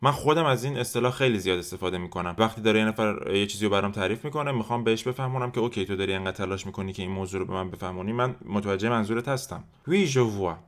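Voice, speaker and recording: A man hosting a language lesson podcast as a French teacher, slowly and deliberately drilling phrases for listeners to repeat. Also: lowish voice, a bit bright.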